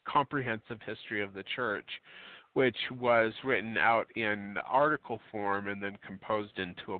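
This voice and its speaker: A man reading a religious book aloud with digressive asides, often clearing his throat and correcting himself. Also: lowish voice, dry recording. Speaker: religious radio reader and commentator. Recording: dry tinny phone-line audio.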